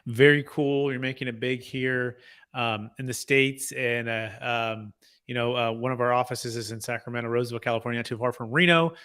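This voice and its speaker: A man's voice: medium pitch, fairly even intonation, brisk, a bit bright, smooth. A man hosting an interview podcast, upbeat and encouraging toward his guest. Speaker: podcast host.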